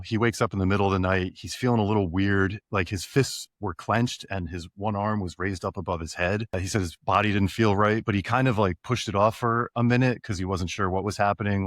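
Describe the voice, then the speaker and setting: Deep-voiced man telling a sports story. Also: no echo, clean studio sound. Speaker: podcast co-host. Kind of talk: casual storytelling.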